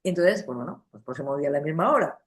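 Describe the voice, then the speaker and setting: Low-voiced woman teaching casually. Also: lively intonation, fast. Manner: conversational, many fillers and restarts, acts out examples. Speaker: psychotherapy teacher. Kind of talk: lecture to a class.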